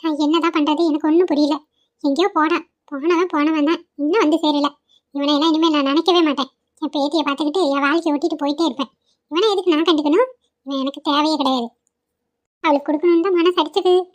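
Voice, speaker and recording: Cartoon dub: fast, high-voiced fussy old grandmother, a woman acting her, sentimental and scolding. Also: steady tone, natural voice. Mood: grumbling. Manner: lamenting, grumbling monologue.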